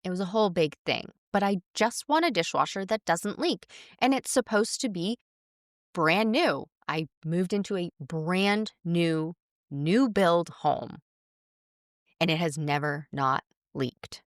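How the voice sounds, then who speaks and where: A woman's voice: on the low side, expressive, no room sound, studio quality. A woman podcast host telling a story in a chatty, exasperated way and quoting the people she dealt with. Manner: chatty, exasperated, quotes others in quick asides. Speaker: podcast host and running coach. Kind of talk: casual storytelling monologue.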